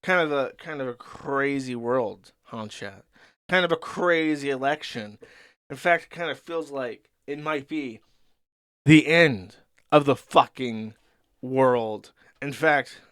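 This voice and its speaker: A man's voice: mid-range voice, fairly bright tone, clean tone, no echo, clean studio sound. A man hosting a stream, casually reading a comic aloud and mocking it with sarcastic, profane commentary. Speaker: streamer host.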